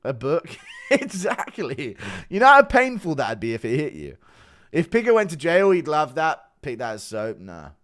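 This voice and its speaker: Guy streaming, chatting to viewers, pitch jumps all over, swears a lot, keeps cracking up giggling. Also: wildly swooping pitch, moderate pace, fairly bright tone. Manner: sweary, blunt banter; often breaks into giggling laughter. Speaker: livestream host. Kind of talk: casual livestream chat with viewers.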